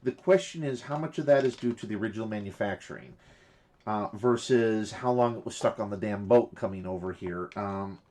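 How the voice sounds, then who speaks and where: A man's voice: on the low side, brisk, darkish tone, slight background noise. A man in casual unboxing chat, explaining details at length with frequent fillers. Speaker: co-host.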